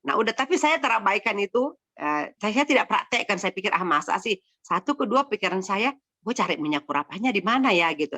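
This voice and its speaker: A middle-aged woman shares her faith testimony with a congregation. Her voice is bright and forward. She tells it in a chatty, heartfelt way, full of small fillers. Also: mid-range voice. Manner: chatty, emotional storytelling with many fillers. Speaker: churchgoer giving a testimony.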